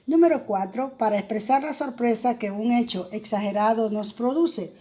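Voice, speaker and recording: A woman teacher walks through grammar rules. Her voice sits a little high but sounds mellow and soft-edged. She talks in a patient, explanatory way, stopping often to check that students follow. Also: normal speed. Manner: explanatory, many fillers and tag questions. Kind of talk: recorded grammar lesson.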